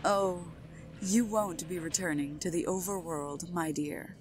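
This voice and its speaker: A woman playing a slow, possessive Queen of Hearts. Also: lowish voice, a little mellow, soft background music. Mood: menacingly sweet. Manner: regal, controlled, slow and deliberate with pauses. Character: possessive, imperious Queen of Hearts, obsessive and menacingly sweet. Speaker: voice actor in audio roleplay. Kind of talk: ASMR audio roleplay drama.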